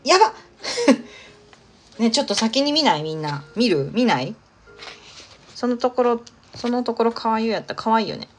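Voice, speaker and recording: A young woman at normal speed, fairly high-pitched with lively intonation, hosts a casual live stream over faint music. She's chatty, reading her viewers' comments aloud and laughing and exclaiming a lot.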